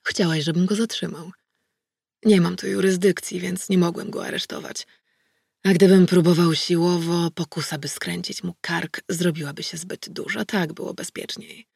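A woman voicing a quiet, restrained man. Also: high-pitched, fairly even intonation, normal speed, gravelly, slightly rough, dry recording, studio quality, full character voice. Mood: matter-of-fact.

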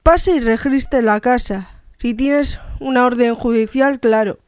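A cheeky young delinquent playing innocent and mocking the police, as a woman reads him. Delivered slowly in a fairly high, smooth voice, with a dry close sound. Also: a little mellow, no room sound, natural voice. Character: cheeky working-class teenage boy, defiant.

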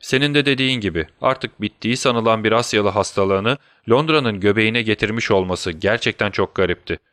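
A man's voice: on the low side, fairly quick, a bit bright, dry recording, studio quality, close to an everyday voice. A man doing a gloating, taunting villain. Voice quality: mocking, taunting. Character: gloating sly male doctor villain. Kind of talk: audiobook character voice.

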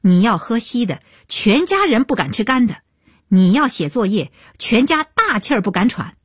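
A woman voicing an angry middle-aged mother who scolds her daughter loudly and shrilly. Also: medium pitch, big pitch swings, a little fast, breathy edge, no room sound, clean studio sound, exaggerated voice. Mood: angry scolding.

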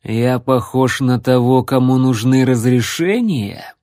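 Unhurried, sneering necromancer, as a male reader puts him on; drawn-out sarcasm, dry close sound. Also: medium pitch, dark tone, no room sound, close to an everyday voice. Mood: mocking. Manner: slow, measured, mocking. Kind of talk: audiobook character voice.

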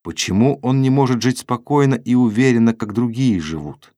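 A man narrating a classic novel as an audiobook in a measured, unhurried way. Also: mid-range voice, warm tone, no room sound, studio quality.

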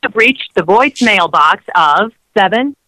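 A woman's voice: medium pitch, animated, a little slow, bright, forceful tone. A woman's recorded voice reading an automated voicemail menu over a phone call, formal and evenly paced. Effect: automated voicemail prompt over a phone call.

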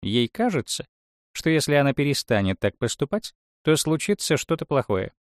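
A man voices a know-it-all talking cat, explaining things in a very animated way at normal speed. His medium-pitched, natural voice is pitched above his own, and the dry recording has studio quality.

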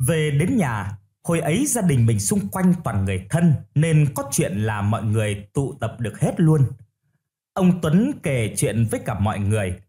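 A man telling a family ghost story in the first person, in a steady, storytelling manner. His voice is warm and mellow. The pitch moves lively with the tale. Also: moderate pace. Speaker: audio story narrator.

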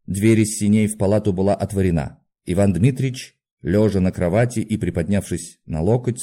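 Deep, dark-voiced male narrator. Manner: slow, measured reading. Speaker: audiobook reader. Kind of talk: literary audiobook narration.

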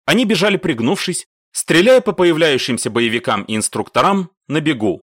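A man narrating a military audiobook in an expressive, animated way. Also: fairly high pitch, moderate pace, no echo, studio quality. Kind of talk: scripted narration.

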